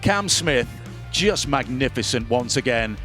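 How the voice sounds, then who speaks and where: A man doing dramatic, excitable play-by-play as lead golf commentator. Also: medium pitch, a little slow. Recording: loud music and crowd behind. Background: music and crowd.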